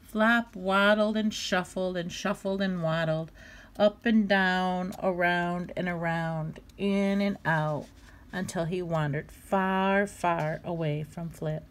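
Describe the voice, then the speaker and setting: A woman reading a children's storybook aloud, expressive and lively. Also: lowish voice, takes it slowly. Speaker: storybook reader.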